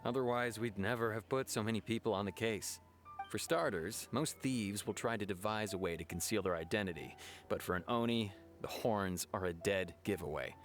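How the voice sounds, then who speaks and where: A man's voice: lowish voice, moderate pace, natural voice. A man voicing an officer in a video game who briefs others in a formal, self-assured way. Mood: official. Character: adult male officer of a commission, official. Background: soft game music.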